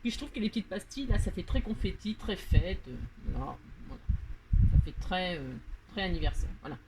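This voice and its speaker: A woman's voice: on the low side, lively intonation, brisk, very noisy. A woman with a French accent hosting a casual crafting tutorial, chatty and self-mocking, full of fillers and repeated words.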